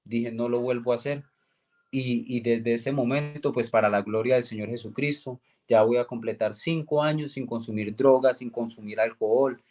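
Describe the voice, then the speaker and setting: A man's voice: normal speed, few pauses, a little mellow. Earnest young man telling his story. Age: young adult. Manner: earnest storytelling, acts out quoted dialogue with raised pitch. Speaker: guest giving a religious testimony. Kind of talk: personal faith testimony.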